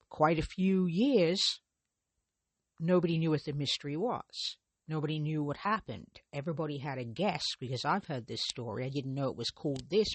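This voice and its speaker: Speaking in a fairly high voice with no room sound, a man narrates a mystery on his own podcast, stumbling into frequent restarts and pauses. Russian isn't his native language.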